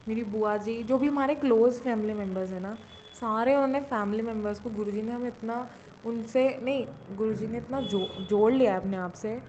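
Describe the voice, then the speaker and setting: A woman's voice: on the high side, darkish tone. Earnest young woman giving a devotional testimony. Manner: earnest, repeats herself and restarts often. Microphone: self-recorded audio. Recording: muffled lo-fi audio with faint hiss.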